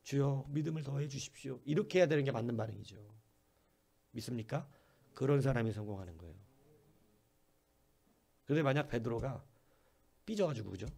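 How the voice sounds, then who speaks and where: Male pastor, sermon delivery, mellow husky tone, talks with the congregation, shifts from whispers to loud bursts. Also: medium pitch, animated, a little fast, pauses often. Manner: conversational preaching, often asking the congregation questions; acts out quoted voices, from soft whispers to sudden loud bursts.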